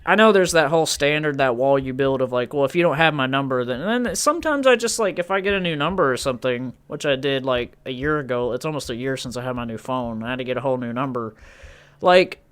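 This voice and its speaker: A man's voice: medium pitch, lively intonation, fast talker, a bit bright, clean tone. A young man co-hosting a podcast, telling a story in rambling casual chat with lots of restarts. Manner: rambling, full of fillers and restarts. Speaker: podcast co-host.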